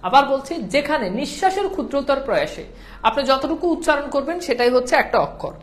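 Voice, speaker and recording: A woman's voice: high-pitched, expressive, fast. A woman with a Bangladeshi Bengali accent teaching an online class, patient, repeating points and often checking whether students follow.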